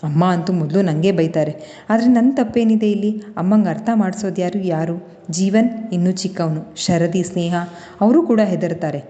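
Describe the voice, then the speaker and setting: A woman's voice: fairly low pitch, normal speed, dark tone, muffled recording, natural voice. A woman voicing a frightened, timid teenage girl who stammers when she is afraid. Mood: troubled. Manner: stammering, fearful. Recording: long reverb.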